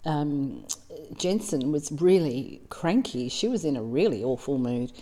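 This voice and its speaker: A woman's voice: low-pitched, expressive, a little slow, mellow, voice pushed down. A woman with an Australian accent voicing a sensitive young schoolboy who talks earnestly and a little hesitantly. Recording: long reverb.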